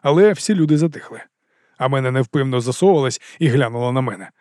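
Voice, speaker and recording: A man narrating a first-person audiobook in a brisk, matter-of-fact way. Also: medium pitch, lively intonation, mellow, dry recording, clean studio sound.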